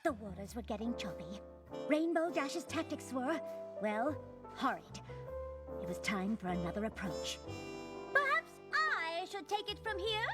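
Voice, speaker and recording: A woman's voice: sits high, sing-song, measured pace, loud music behind the voice. An actress voicing a fashionable, theatrical young female pony who plays detective and narrates the story. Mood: narrating. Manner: theatrical, refined, gushing over fabrics. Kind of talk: cartoon voice acting with narration.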